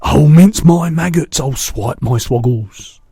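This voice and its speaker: A man voicing a big friendly male giant who speaks in jumbled grammar and cries out loudly when excited. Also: on the high side, slow, slightly rough, no room sound, pitched above the performer's own voice, full character voice. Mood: distressed.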